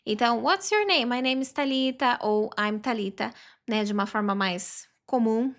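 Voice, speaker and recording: Woman, fairly high voice, patient English teacher who stretches out each example phrase and checks in with "tá?" after each point. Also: fairly bright tone. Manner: slow, drawn-out model pronunciations with frequent "tá?" check-ins. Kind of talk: online beginner English lesson.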